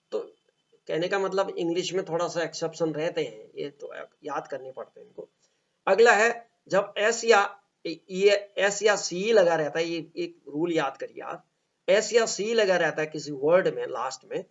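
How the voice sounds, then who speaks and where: A man explains grammar at a very slow, careful pace, drawing out each English example and going over each point twice. His voice sits a little high for a man. The recording is dull and lo-fi. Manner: slow, deliberate, reads English examples very slowly and repeats points.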